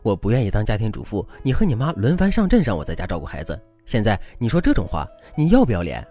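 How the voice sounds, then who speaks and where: A man's voice: lowish voice, wildly swooping pitch, dark tone. A man voicing a fed-up young housewife who fires off indignant questions, over faint music. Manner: indignant, rapid-fire questioning.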